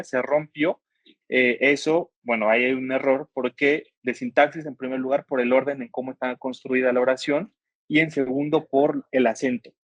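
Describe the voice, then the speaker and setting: A man's voice: medium pitch, no room sound, lo-fi sound. A man teaching an online writing workshop, patiently explaining grammar step by step and asking his students questions. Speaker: workshop instructor.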